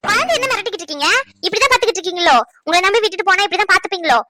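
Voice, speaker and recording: A woman's voice: lively intonation, rapid-fire, noisy background. A woman voicing a young wife in a cartoon comedy, scolding her husband shrilly and cooing over her baby. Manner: indignant, shrill scolding; coos baby talk.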